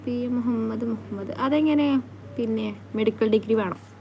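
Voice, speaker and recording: A woman's voice: on the high side, warm tone, soft background music. Playful woman chatting on a live stream. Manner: playful, teasing, quick back-and-forth. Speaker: vlogger reading live comments. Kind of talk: casual live-stream chat.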